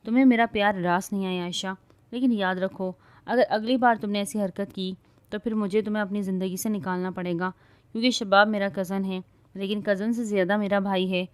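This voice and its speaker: A woman's voice: medium pitch, flat delivery, darkish tone, no room sound, close to an everyday voice. A woman narrator voicing a young husband who scolds his wife firmly, then consoles her. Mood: stern. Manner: stern, raised voice.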